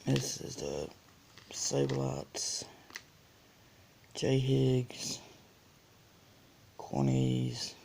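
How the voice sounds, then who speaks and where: Casual snack reviewer, heavy vocal fry, slow halting delivery, noisy recording with crinkling and clicks. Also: mid-range voice, sing-song, a little mellow. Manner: halting, reads item by item with pauses.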